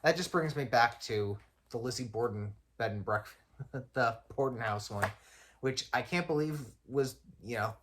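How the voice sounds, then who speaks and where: A man's voice: medium pitch, normal speed, background noise. A young man hosting a podcast at home, reading aloud and drifting into rambling, self-interrupting chat with frequent chuckles. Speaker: podcast host.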